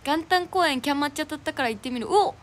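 A woman's voice: sits high, quick pace. A young woman with a Kansai accent chatting casually on a livestream, cheerfully reading out and thanking viewers for their comments and gifts. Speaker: idol livestreamer. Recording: noisy livestream audio.

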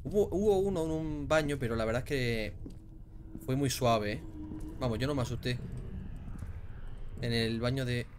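A man's voice: mid-range voice, moderate pace, background noise. Swearing Spanish-accented gamer man. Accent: Spain. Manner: jumpy, swears a lot, reads notes aloud. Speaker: let's play gamer. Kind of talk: casual gameplay commentary. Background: game music.

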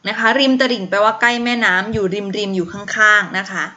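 Woman teacher, online class, bright tense voice, slightly high, dull lo-fi call audio. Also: fairly even intonation, quick pace. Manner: patient, explains words and prompts children one by one. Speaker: primary school teacher. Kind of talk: online class lesson, reading a story aloud. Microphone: video call.

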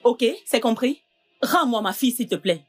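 A distraught mother whose daughter is missing, her voice slightly high and breathy, emotion pressing through every line, played by an actress. Music sits faintly behind. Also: lively intonation, normal speed. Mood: accusing. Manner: emotional, accusing and grateful by turns. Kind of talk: dubbed film drama.

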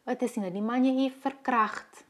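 A woman's voice: fairly high pitch, fairly even intonation, normal speed, fairly bright tone, muffled recording. A woman with a Surinamese Dutch accent, a domestic worker speaking a scripted monologue in a troubled, searching way. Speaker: domestic worker telling her story.

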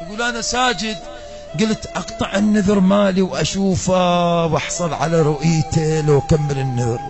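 A man preaching an emotional religious story, telling it dramatically and breaking into shouts and chanted lines. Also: on the high side, fairly even intonation, fairly quick. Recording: music playing behind the voice.

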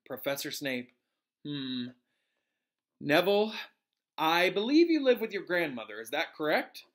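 A man reading a storybook, voicing a calm, cheerful male wizard professor who teaches in an encouraging, emphatic, instructive way. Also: sits high, unhurried, pitched above the performer's own voice.

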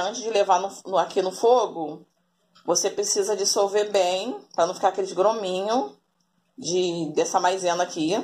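A Brazilian woman in her forties, chatting through a cooking vlog at home and often calling her viewers family. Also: mid-range voice. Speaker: vlogger. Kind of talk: casual cooking vlog narration. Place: home kitchen, then outdoors in a yard. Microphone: phone camera held at arm's length.

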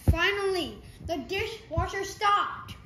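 A woman's voice: very high voice, slow pace, noisy background. A woman in a playful home sketch with toys, talking in a matter-of-fact, explaining way.

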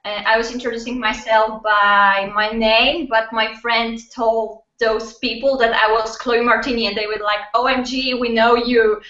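A woman's voice: a little high, little pitch movement, sharp tone. Young polish woman on a webcam call, lots of um and restarts, far off and roomy, kinda muffled. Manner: halting, many fillers and restarts. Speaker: guest musician. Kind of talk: casual interview over video call. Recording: distant, echoey, dull webcam audio.

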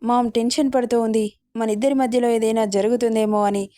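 A man's voice: very high voice, little pitch movement, fairly quick, dark tone, dry recording. A woman voicing a bossy, domineering man in his late twenties, the romantic hero of a spoken storybook. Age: 20s. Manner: domineering, commanding.

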